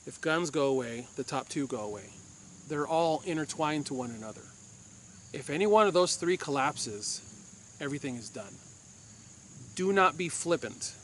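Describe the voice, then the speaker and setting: A man's voice: a little high, lively intonation, normal speed, pauses often, fairly bright tone, slight background noise. A man from Puerto Rico, a former police officer, hosting a firearms channel and giving an insistent opinion monologue to camera, repeating his points for force.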